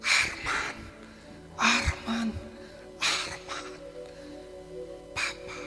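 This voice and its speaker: A man voicing a desperate father searching rubble for his lost son, in a hushed, pleading whisper. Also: drawn-out words, over music.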